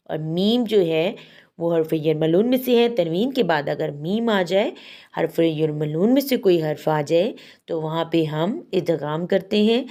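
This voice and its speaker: Speaking in a lowish, slightly mellow voice, a woman teaches Quran recitation rules. She is patient and methodical, walking through each step and demonstrating every pronunciation slowly.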